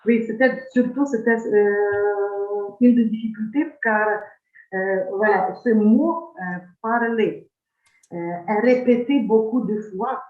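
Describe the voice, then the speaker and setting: Woman, slow and halting, roomy dull recording. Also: mid-range voice. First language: Ukrainian. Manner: hesitant, many pauses and fillers. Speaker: seminar speaker. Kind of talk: academic explanation of a poem.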